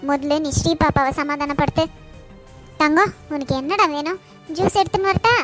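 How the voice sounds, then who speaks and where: A woman's voice: high-pitched, normal speed, a bit bright. A woman voicing a kind, protective aunt in a cartoon, speaking in a soothing, affectionate way. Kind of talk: cartoon voice acting. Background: faint background music.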